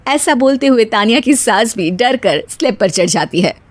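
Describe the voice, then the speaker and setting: Woman narrator, scripted storybook style, highish pitch, very lively intonation, dry recording. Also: normal speed, no room sound.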